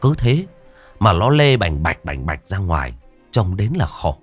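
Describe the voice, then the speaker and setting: A man narrating a ghost story in a dramatic, expressive way, voicing every character himself. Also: low-pitched, moderate pace. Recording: dry voice over faint music. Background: faint background music.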